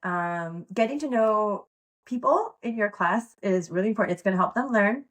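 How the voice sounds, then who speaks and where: Her mid-range voice is expressive and fairly bright, moving at a normal speed. This American pole dance instructor, appearing as a guest on a podcast, rambles through a casual interview chat full of fillers and laughs.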